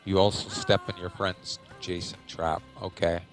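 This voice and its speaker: A man with a deep voice hosts recorded highlights of video game matches. He speaks quietly, as one does at night with someone asleep nearby. His delivery is wry and folksy, with a dry edge. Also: flat delivery, measured pace, soft background music. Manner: hushed, keeping quiet at night so a sleeper is not woken. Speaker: gaming channel host.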